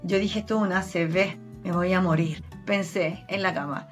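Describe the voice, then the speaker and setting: A woman with a Chilean accent, a therapist and medium, recounting her experiences as an interview guest with earnest, animated storytelling. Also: fairly low pitch, moderate pace, soft background music. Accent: Chilean Spanish. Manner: earnest, animated retelling with many restarts.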